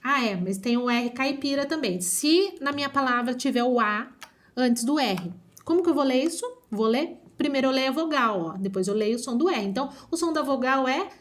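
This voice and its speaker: A woman teaching an online phonics lesson, drawing out each syllable slowly and often checking whether the children follow. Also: high-pitched, lively intonation. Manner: slow, drawn-out syllables with frequent checking questions. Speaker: primary school teacher.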